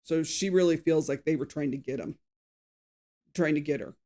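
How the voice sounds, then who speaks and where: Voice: mid-range voice, normal speed, dark tone. Chatty opinionated true crime host. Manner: chatty and opinionated, greets viewers by name; reads out quotes with acted emphasis. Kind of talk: casual live recap chat.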